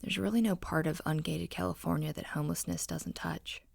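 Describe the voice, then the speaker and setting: A woman narrating a scary story in the first person with a low, husky, breathy voice and a hushed, haunting delivery. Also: steady tone, a little fast, no room sound, clean studio sound.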